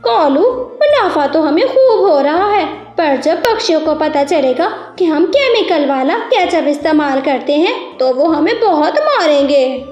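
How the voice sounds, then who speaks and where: A woman's voice: sits high, lively intonation, unhurried, hardly any pauses, darkish tone. Greedy female crow, scheming and fretful, voiced by a woman, cartoon. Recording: echoey room with music.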